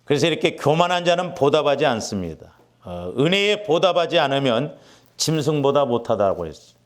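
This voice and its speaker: A man's voice: a little high, brisk. Middle-aged pastor guy preaching, voice swinging all over, acts out what people said. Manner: animated, acts out quotes with rising intensity. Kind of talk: sermon with storytelling.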